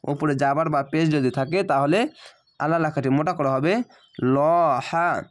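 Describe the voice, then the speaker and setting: Male reading teacher, patient letter-by-letter spelling, drawn-out recitation, slightly high voice. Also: steady tone. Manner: spells letters and vowel marks, then recites words slowly and drawn out.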